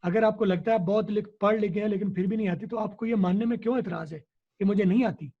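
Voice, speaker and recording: Fast and steady in tone, a high-pitched male English teacher explains in an interview, teacherly as he repeats key words to drill them. The audio is dull and lo-fi.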